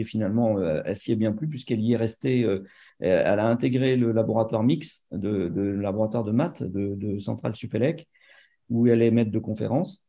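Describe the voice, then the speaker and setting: A man hosts a seminar and introduces the guest in a halting, repetitive way, full of fillers. His voice is low and mellow with a gravelly edge. The sound is dull and lo-fi, like a video call. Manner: halting, many repeated words and fillers. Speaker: seminar host. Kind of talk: hesitant spoken introduction.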